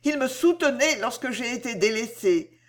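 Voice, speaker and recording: A woman voicing a delirious, frightened young lady with high, sharp exclamations. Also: animated, moderate pace, close to an everyday voice. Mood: dreamy.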